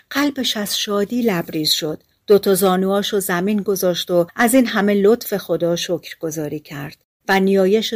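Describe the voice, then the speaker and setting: Woman, audiobook narrator, fairy tale, calm measured telling. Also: medium pitch. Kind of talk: scripted storybook narration.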